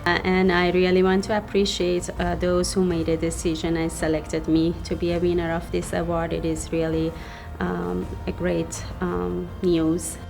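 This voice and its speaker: A woman from Iran, a dentist speaking haltingly in an interview about her award. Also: fairly low pitch, monotone, creaky. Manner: halting, with fillers. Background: background music.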